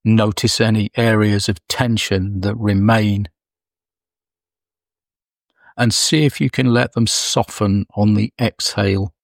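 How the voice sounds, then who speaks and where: Male meditation guide, unhurried and gentle, lowish voice, dry close recording. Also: steady tone, creaky, dry recording. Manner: slow, soft, soothing delivery with long pauses.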